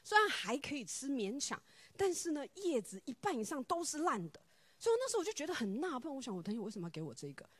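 A woman giving a personal devotional talk, telling stories in an animated way and acting out the dialogue. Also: high-pitched, fast, no echo.

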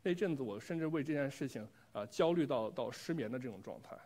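A man's voice: medium pitch, expressive, fast talker, a little mellow. Male preacher, mid-range voice, earnest and reflective, delivering a sermon with personal testimony and direct questions to the congregation.

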